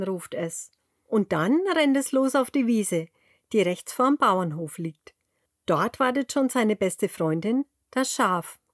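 A woman narrating a children's story, speaking slowly and clearly and addressing the young listener directly. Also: mid-range voice, no room sound, clean studio sound.

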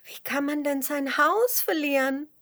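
A woman's voice: a little high, very animated, a little slow, voice pushed up, exaggerated voice. A woman voicing Dotti, a kind and curious girl in a children's story. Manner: bright comforting tone.

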